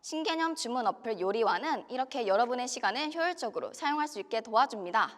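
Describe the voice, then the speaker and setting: A young woman in her twenties acting as a student show host, giving an upbeat, persuasive home-shopping sales pitch. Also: animated, fast talker, long reverb tail. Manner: upbeat, persuasive selling patter.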